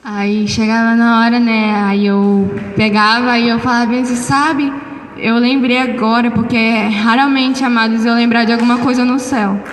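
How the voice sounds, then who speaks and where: A Brazilian woman with a fairly high voice tells her testimony in church, acting out each exchange as she goes. Her voice rings through a hall with a long reverb tail, with faint ambience behind it. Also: moderate pace, hardly any pauses, a little hiss or hum. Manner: animated storytelling, reenacting dialogue. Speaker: church member giving testimony. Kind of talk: spoken testimony.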